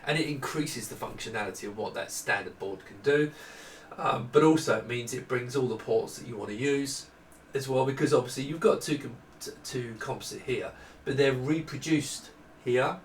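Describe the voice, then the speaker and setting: A middle-aged man with a medium-pitched voice talks at a moderate pace, giving an informal, unscripted walkthrough of hardware prototypes and often stopping to rephrase. He's at a desk in a small indoor workroom. The room echoes, the mic is distant, and there's faint noise.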